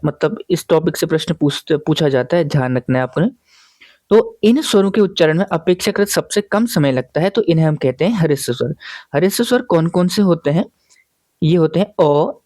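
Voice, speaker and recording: A man's voice: fairly high pitch, normal speed, a little mellow, dry recording. A man teaching a grammar lesson, explaining patiently, asking questions and answering them himself, and often checking in with his listeners.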